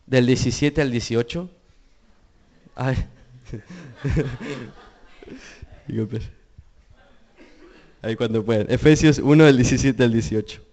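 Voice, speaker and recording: A man's voice: medium pitch, darkish tone, clean tone. A young man preaching a sermon, earnest, asking the congregation questions.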